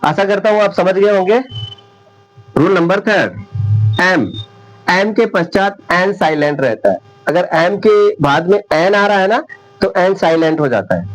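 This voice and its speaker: A man teaching English spelling rules at a whiteboard, repeating each example word slowly and often checking whether his viewers understand. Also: high-pitched, lively intonation, low-quality recording. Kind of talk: whiteboard classroom lesson.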